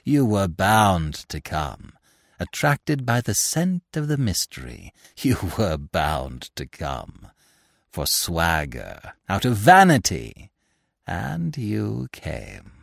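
A man's voice: low voice, huge pitch swings, slow pace, gravelly, dry recording, clean studio sound, full character voice. A man reading aloud as a vengeful, scheming widow who gloats over her captive and stresses every syllable. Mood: gloating.

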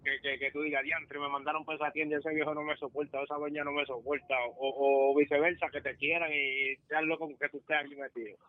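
A man's voice: a little high, little pitch movement, quick pace, few pauses, no echo. A man co-hosting a comedy podcast who asks loose, rambling questions in casual chat. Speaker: podcast co-host. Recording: slightly dull, dry podcast mic.

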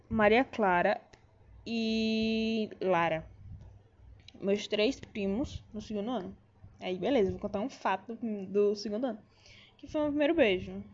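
Young woman, Brazilian Portuguese accent, casual slangy vlog chat, mellow dark tone. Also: on the high side. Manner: chatty, rambling, self-interrupting with slang. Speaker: vlogger. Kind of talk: casual storytelling to viewers. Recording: dull lo-fi sound.

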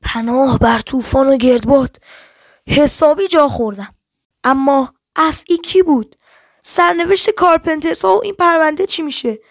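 A woman hosting a book podcast, reading a children's detective story aloud and speaking to listeners in a friendly, expressive way. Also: high voice, no room sound, clean studio sound. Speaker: podcast host and book reader.

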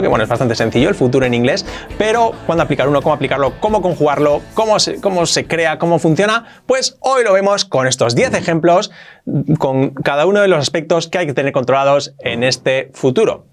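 Man, Spain Spanish accent, English teacher, animated pitch, emphatic, repeats examples, light music behind. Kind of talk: video lesson for Spanish speakers.

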